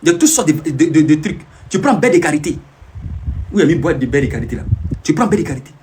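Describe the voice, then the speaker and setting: A man's voice: on the high side, sing-song, quick pace, darkish tone, slight background noise. A young man, boastful and teasing, who repeats his phrases over and over in a casual live stream.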